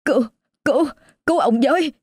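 A woman's voice: high-pitched, fairly quick, darkish tone, faint music behind, pitched above the performer's own voice, lightly acted. A woman voicing a frightened young male servant boy who trembles and stammers. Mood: panicked.

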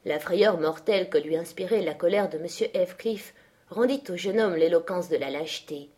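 Woman narrator for a literary audiobook, measured and steady delivery. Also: on the low side, husky.

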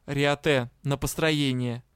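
A man's voice: medium pitch, fairly even intonation, slow, smooth, dry recording, studio quality, natural voice. A man reading an audiobook, voicing a stern, jealous female academy curator.

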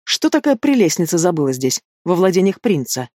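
A reader voicing a loud, brash winged male demon in an audiobook, booming and teasing. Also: very animated, a little fast, dry recording, clean studio sound. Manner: booming, roaring with laughter. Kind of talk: audiobook character voice.

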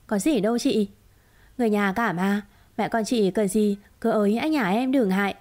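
A woman's voice: normal speed, darkish tone, natural voice. A woman voicing a scheming, sweet-talking pregnant young woman in a read-aloud story. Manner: sugary, then wailing and shrill.

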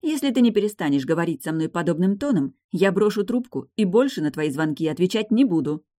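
A woman reading an audiobook, voicing a stubborn, sharp-tongued young woman who talks in firm, clipped phrases. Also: lowish voice, big pitch swings, fairly quick, dry recording, clean studio sound, voice pushed up. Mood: defiant.

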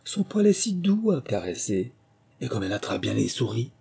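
A man's voice: mid-range voice, sing-song, normal speed, creaky, dark tone, husky, heavily acted. A man voicing Alice, a curious and polite young girl, in a storybook reading, with a raised, eager and pleading tone. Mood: fond.

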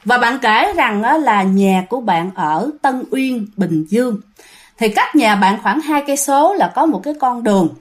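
A woman narrating ghost stories in a casual, animated way, talking straight to her listeners. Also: on the high side, moderate pace. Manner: animated, addresses listeners as "các bạn". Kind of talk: casual spoken storytelling.

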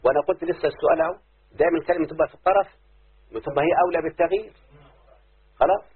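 A man with an Egyptian Arabic accent teaches a classroom lesson on word forms, constantly quizzing his students with repeated questions. His voice is on the high side, rapid-fire, with a breathy edge, and the recording is tinny, lo-fi and phone-like.

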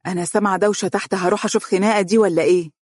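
A man voicing a chatty middle-aged Egyptian mother who talks quickly and fusses. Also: mid-range voice, steady tone, a little mellow, dry recording, clean studio sound, pitched above the performer's own voice, natural voice.

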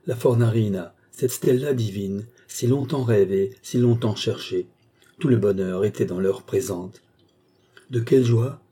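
A man narrating a literary novel, reading in a measured, expressive way. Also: lowish voice, slightly rough. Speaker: audiobook reader.

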